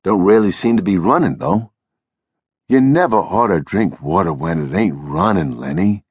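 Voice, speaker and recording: A man voicing a small, irritable, bossy American drifter in an audiobook, with gruff, scolding, folksy speech. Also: low-pitched, expressive, moderate pace, a little mellow, no echo, studio quality, pitched above the performer's own voice, heavily acted. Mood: grudging, wary.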